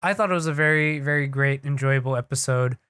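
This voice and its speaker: A young man co-hosting a casual podcast, excitable and swearing freely as he talks in quick bursts. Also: medium pitch, clear, resonant tone, dry recording, studio quality. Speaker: podcast co-host. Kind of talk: casual chat. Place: home studio. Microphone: desk mic on a live stream.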